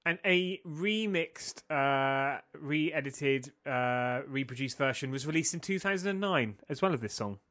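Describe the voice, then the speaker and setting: A man's voice: mid-range voice, animated, a little slow, hardly any pauses, bright, forceful tone. A man, chatting casually as co-host of a music podcast.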